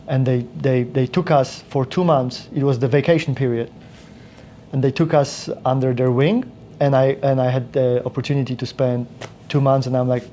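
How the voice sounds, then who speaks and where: Speaking as a podcast guest, a Polish man in his thirties tells his story loosely, circling back and restarting sentences amid frequent fillers; Polish is his first language. His mid-range voice sounds mellow and dark. A faint room hum lies beneath the casual interview storytelling.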